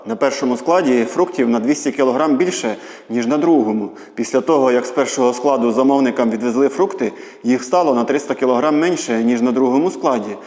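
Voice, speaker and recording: A man's voice: medium pitch, fast talker, a little mellow. A man explains a math homework problem step by step, thinking aloud with fillers as he writes. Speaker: math tutor. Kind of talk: homework explanation while writing. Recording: echoey room with long reverb.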